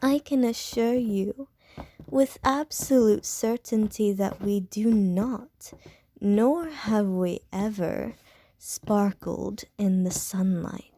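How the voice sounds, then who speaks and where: In an ASMR roleplay, a woman voices a short, teasing female vampire, flirting with heavy innuendo. Her medium-pitched, mellow voice stays in an unhurried half-whisper, with no echo.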